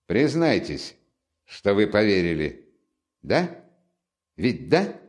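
A man's voice: on the low side, sing-song, slow pace, a little mellow. A man reading the part of a feverish, overwrought young student who mocks and taunts the man he is talking to. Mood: taunting, feverish. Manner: mocking, nervous, teasing. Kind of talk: audiobook character reading.

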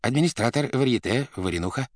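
A man voicing an excitable, fussy male theater administrator who stammers and speaks up eagerly. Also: mid-range voice, quick pace, dry recording, clean studio sound, pitched above the performer's own voice, close to an everyday voice. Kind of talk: audiobook character voice.

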